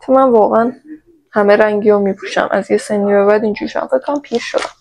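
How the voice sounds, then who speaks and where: A woman's voice: mid-range voice, steady tone, a little mellow, slight background noise, low-quality recording. A woman from Iran chatting playfully to her viewers in a casual shopping haul vlog, recorded on her own microphone. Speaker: vlogger.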